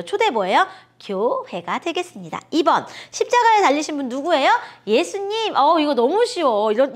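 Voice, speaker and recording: A woman teaching a children's worship lesson, talking to kids in a bright, sing-song teacher voice. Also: high voice.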